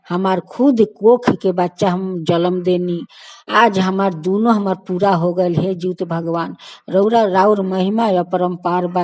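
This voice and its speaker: A woman's voice: lowish voice, a little mellow. A woman with a Bhojpuri accent narrating a devotional folk tale in a sing-song storytelling way, voicing the characters' prayers herself.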